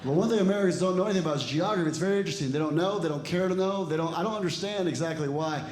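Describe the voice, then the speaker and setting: On a comedy club stage, a man in his forties of Ecuadorian and Salvadoran background delivers rapid-fire stand-up in a fairly high voice. His humor is dry and self-mocking, and he acts out lines of dialogue while a live audience murmurs in the echoing room.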